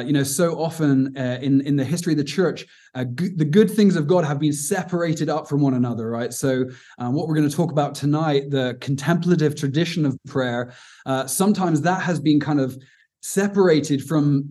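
His voice sits in the mid-range and sounds mellow. This English-accented man from Cornwall, in southwest England, guest-speaks on prayer in an earnest, casual teaching style, often restarting and using fillers.

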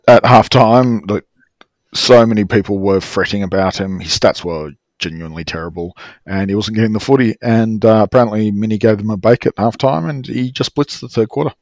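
An Australian man co-hosting a casual sports discussion over an online call, speaking haltingly and often restarting his sentences. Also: on the low side, dry recording. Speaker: sports podcast co-host. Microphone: online call microphone.

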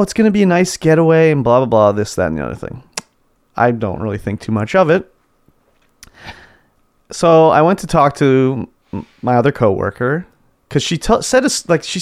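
A man's voice: medium pitch, dry recording, studio quality. A man, co-hosting a podcast and telling a casual story about his office, acting out what his coworkers said. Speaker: podcast co-host. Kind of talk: casual chat.

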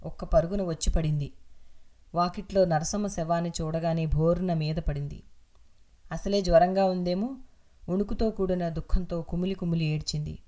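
A woman narrating a serialized audio novel, her voice a little low for a woman. She reads in a steady, measured way, keeping an even pace through the story.

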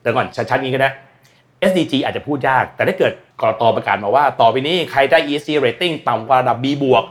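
A man talking as a guest expert on energy and climate in casual, blunt, slangy speech, acting out quoted voices. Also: mid-range voice. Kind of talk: casual explanatory talk.

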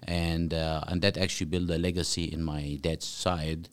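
Male guest, deep voice, earnest and halting, podcast interview. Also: level tone, smooth. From Egypt. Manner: earnest, many fillers and restarts. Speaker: guest author.

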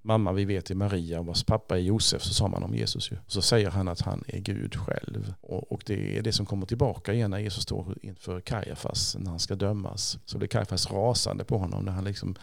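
A man, a priest and Bible teacher, explaining scripture as a podcast guest, thoughtful and slow with pauses and repeats. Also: sits low, fairly even intonation, vocal fry, no echo, clean studio sound.

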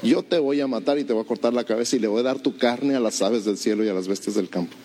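A man's voice: medium pitch, quick pace, warm tone, slight background noise, natural voice. A man voicing a brash, defiant young shepherd boy in a sermon story. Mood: solemn. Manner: emphatic, defiant.

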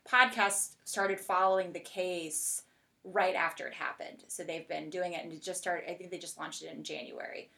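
Interviewing a guest on her podcast, a woman keeps things loose and relaxed, saying "like" constantly. Her voice sits on the low side, with fairly even intonation, vocal fry, a sharp tone, and normal speed.

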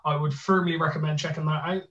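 A man with a gruff voice and a Bristolian accent, co-hosting a podcast in a jokey, playful, casual way. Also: on the high side, steady tone, fast, a bit bright. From Bristol, England. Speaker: podcast co-host. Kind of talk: casual chat, plugging and bantering. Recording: roomy echo, distant mic, slightly dull.

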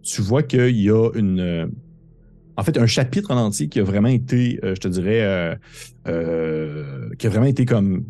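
A man with a Québécois French accent, narrating a tabletop game as game master in rambling, halting explanations full of fillers. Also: fairly low pitch, lively intonation, mellow, faint music behind.

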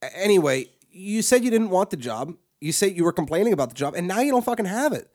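A man's voice: sits high, very animated, fast, a little mellow. A man co-hosting a podcast, ranting crudely and profanely, with frequent restarts and repeated words. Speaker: podcast co-host. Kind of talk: crude comedic rant.

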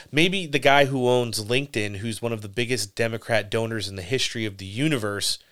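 A man's voice: lowish voice, fairly bright tone. A man co-hosting a podcast, giving brash, opinionated political commentary and swearing freely. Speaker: podcast co-host.

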